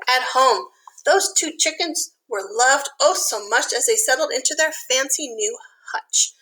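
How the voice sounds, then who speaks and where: Reading a picture book to young children, a woman speaks a little slowly in a high voice, full of expression and pausing for simple explanations. The recording is rough.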